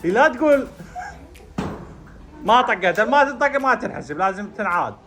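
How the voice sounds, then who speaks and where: A woman running a family game, giving brisk orders and often laughing. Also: a little high, very animated, fairly bright tone, soft background music. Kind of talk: casual family game calling.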